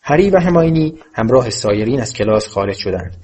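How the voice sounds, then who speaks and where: A man narrating an audiobook with a steady, measured reading. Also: mid-range voice, breathy edge.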